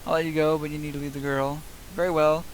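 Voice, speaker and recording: A man's voice: a little high, flat delivery, fast. A man giving casual gameplay commentary, muttering to himself and echoing the dialogue as he plays. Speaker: gamer playing and reacting. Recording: hissy background noise.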